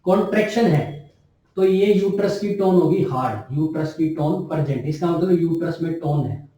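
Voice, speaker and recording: A man's voice: fairly high pitch, moderate pace, warm tone. A man teaching nursing students in a lecture, repeating key terms and asking and answering his own questions. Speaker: nursing tutor. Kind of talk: classroom lecture. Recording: echoey room, distant mic.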